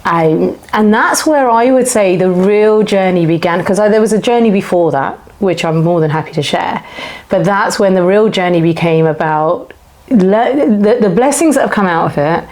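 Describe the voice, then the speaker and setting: Speaking openly as an interview-show guest, this woman in her forties reflects on her own story in short phrases that flow together. She has a fairly low, slightly mellow voice, an animated delivery and a moderate pace.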